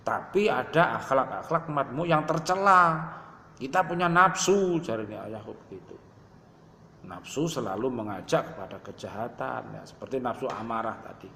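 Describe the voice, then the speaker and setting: A man's voice: medium pitch, expressive, moderate pace, pushed and bright, slight background noise. A man in his fifties with a Javanese accent, preaching a sermon and telling stories in which he acts out his parents' prayers. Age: 50s. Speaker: Islamic preacher. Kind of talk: sermon mixing Indonesian and Javascript dialect. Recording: echoey hall with long reverb.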